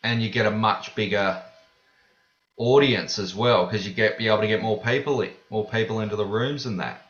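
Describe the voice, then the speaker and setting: Low-voiced Australian man, roomy dull recording. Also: normal speed, a bit bright. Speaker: podcast guest. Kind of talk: casual conversation.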